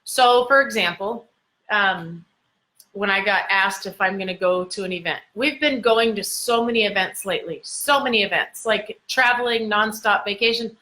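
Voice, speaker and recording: A woman's voice: medium pitch, moderate pace, bright, forceful tone. A woman giving a motivational lesson as a communication coach, talking emphatically and repeating her key phrases.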